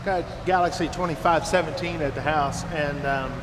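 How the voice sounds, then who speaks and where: Standing in an empty trailer with its door open, a thirty-something American trucker who video blogs speaks in a steady, high-side voice at a moderate pace. His folksy, rambling talk to camera echoes off the metal walls, with background noise clearly audible.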